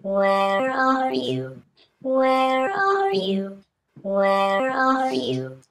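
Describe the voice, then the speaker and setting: A man's voice put through formant shifting and hard pitch correction, so it sounds choppy, mechanical and locked to set notes. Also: expressive, extremely slow, creaky, fairly bright tone, exaggerated voice. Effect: formant-shifted, hard pitch-corrected robotic portal voice. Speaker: music production tutor demonstrating an effect.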